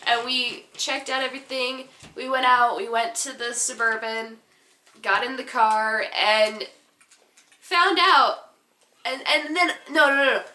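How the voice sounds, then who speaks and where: A teenage girl with a high, bright voice tells a story-time vlog, animated and giggly with rambling asides. She talks at an unhurried pace, and her voice rings around a roomy, echoey space. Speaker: vlogger.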